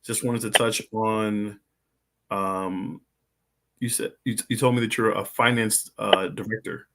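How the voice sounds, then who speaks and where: A man's voice: on the low side, fairly even intonation, measured pace, background noise. A man hosting a live podcast interview, laid-back and friendly with viewers. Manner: laid-back, shouts out listeners. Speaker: podcast host. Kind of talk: casual livestream interview.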